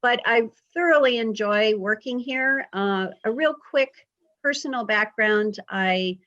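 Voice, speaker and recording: A woman's voice: on the high side, a little slow, fairly bright tone, lo-fi sound. A woman in her fifties, a health emergency preparedness specialist, giving a friendly, informal talk on a video call with frequent ums and uhs. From Vermont. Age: 50s.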